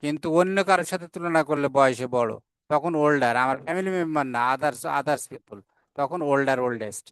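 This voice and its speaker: A man gives a grammar lesson in a slightly high, smooth and resonant voice. He explains patiently, repeats the key terms and spells out words letter by letter. The sound is close and dry, with no room echo. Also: fairly bright tone. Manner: reads English examples at a slow, careful pace. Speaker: English grammar teacher.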